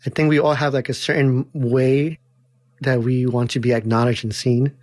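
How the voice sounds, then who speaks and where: A man's voice: medium pitch, flat delivery, a little mellow, no echo. Earnest man telling his story, dry sound. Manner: earnest, quick bursts with slow emphatic stretches. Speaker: dance instructor and organizer. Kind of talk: reflective interview storytelling.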